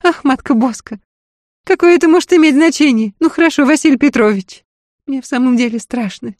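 A man's voice: extremely high pitch, brisk, no room sound, studio quality, voice pushed up. A man voicing a capricious, hysterical young noblewoman with a Polish accent in an audiobook. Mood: frightened frantic. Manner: shrieking, frantic, capricious.

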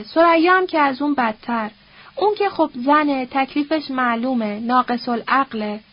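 A woman's voice: sits high, no echo, dull audio, lightly acted. A woman voicing a bitter, scornful old nobleman who curses and quotes proverbs in a sneering, coarse, grumbling way.

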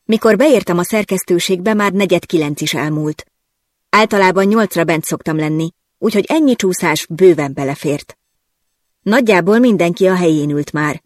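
An audiobook narrator reading a first-person novel in a lively, wry storytelling manner. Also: medium pitch, no echo, studio quality.

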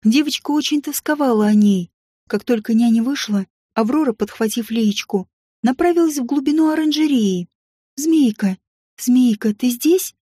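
A woman reads a story aloud in a calm, even narrating manner. Her voice sits high, with a husky, mellow grain. The recording is close-miked and dry. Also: moderate pace, no room sound.

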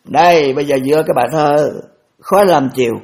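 A man's voice: a little high, fast, darkish tone. A man in his eighties, a Buddhist monk giving a dharma talk, repeating phrases and restarting often with homely examples. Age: 80s.

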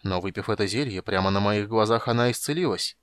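A man's voice: on the low side, quick pace, clear, resonant tone, no echo, natural voice. Formal accusing tone, solemn young male knight, close dry voice, by a man.

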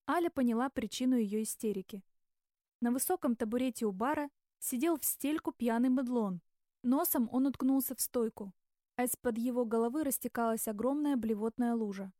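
Female audiobook narrator, slightly high voice, dry close sound. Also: dark tone, no echo. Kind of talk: scripted narration.

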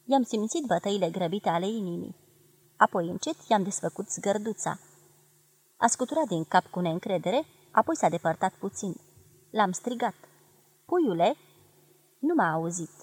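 A woman from Romania giving a measured, expressive literary reading of a memoir. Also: mid-range voice, husky, no echo. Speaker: reader of a memoir.

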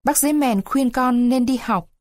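Woman doing Buratino, a high wooden boy. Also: a little slow, no room sound, studio quality. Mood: earnest. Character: cheeky little wooden boy, eager and playful.

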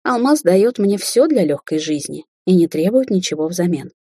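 A woman's voice: lowish voice, animated, moderate pace, dark tone, husky, dry recording. A woman reading an audiobook, voicing a grumbling, defensive mother who is a middle-aged sorceress.

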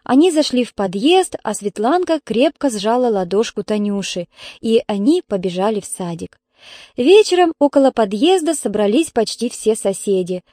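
A woman narrating a children's story as an audiobook in an expressive reading. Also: fairly high pitch, moderate pace, no room sound, clean studio sound.

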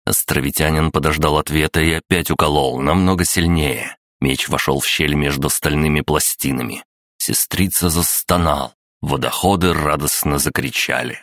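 A man narrating an audiobook in a measured, dramatic manner. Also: rumbling low, steady tone, a bit bright, dry recording, studio quality. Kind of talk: scripted narration.

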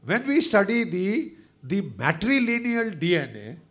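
A man's voice: high voice, big pitch swings, a little slow, fairly bright tone. An older man with a north Indian accent gives an impassioned, combative lecture, switching between English and Hindi and pressing his points with emphatic rhetorical questions. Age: older, over 60.

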